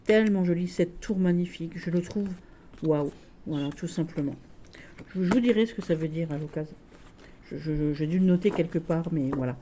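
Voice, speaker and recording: A woman chatting casually and affectionately as she shows her tarot decks, often pausing on "voilà". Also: low voice, warm tone, slight background noise. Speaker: tarot vlogger.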